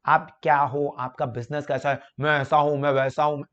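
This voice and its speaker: Gujarati guy teaching a class, kinda high voice, acts stuff out, muffled lo-fi recording. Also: normal speed. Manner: explains in a lively way, acting out phone chats as examples. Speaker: commerce teacher. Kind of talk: classroom lecture mixing Hindi and English. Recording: dull lo-fi lecture recording.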